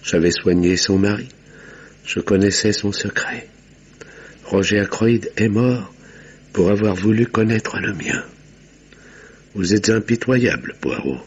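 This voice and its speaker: In a French radio drama with muffled sound, an actor plays a guarded, weary village doctor hiding a bitter secret. His low male voice has a breathy edge, and he speaks in a measured, formal way, like a resigned confession.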